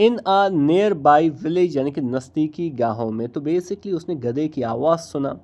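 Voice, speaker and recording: Guy teaching english thru a story, explains every bit, kinda high voice, mellow tone. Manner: explains each English phrase, repeats himself, asks and answers his own questions. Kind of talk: line-by-line story translation lesson.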